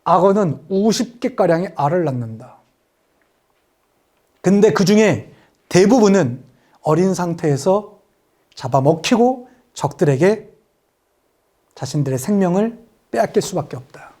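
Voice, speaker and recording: A woman acting out a young male company commander giving a stern, slow rallying speech to his troops. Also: lowish voice, expressive, warm tone, pitched below the performer's own voice.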